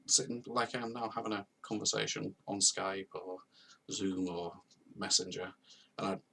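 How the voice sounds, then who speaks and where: A man in his thirties gives earnest, confessional personal testimony to camera from a home video call setup, repeating phrases for emphasis. His voice is lowish, gravelly and husky yet fairly bright, and he sounds far from the mic.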